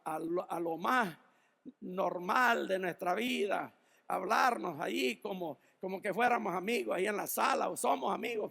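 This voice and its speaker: A man's voice: high-pitched, creaky, a bit bright, long reverb tail. A man preaching a sermon as pastor, reading Bible verses and telling stories, sometimes laughing at them. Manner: storytelling, laughs at his own stories; reads Bible verses then applies them to the listeners.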